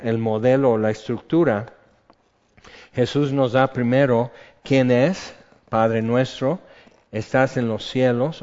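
A man's voice: mid-range voice, a little mellow. A man preaching a sermon as a pastor, talking in a conversational way and putting questions to his congregation. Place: church hall. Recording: muffled sound in a reverberant hall.

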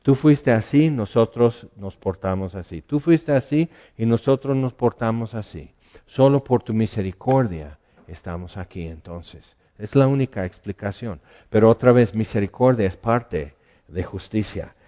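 A man's voice: fairly low pitch, expressive, a little slow, dark tone, dull audio. A man preaching a sermon in a conversational way, asking the listeners questions.

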